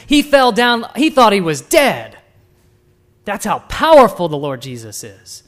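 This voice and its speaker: Guy preaching a sermon, high voice, goes hushed then emphatic, asks the crowd questions. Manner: swings between hushed and emphatic; asks the listeners direct questions.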